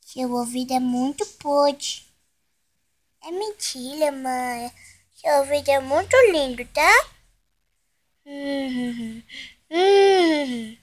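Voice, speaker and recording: A woman's voice: sits high, a bit bright. A young woman, coaxing her pet dog in cooing baby talk while filming on her phone at home. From Brazil. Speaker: vlogger.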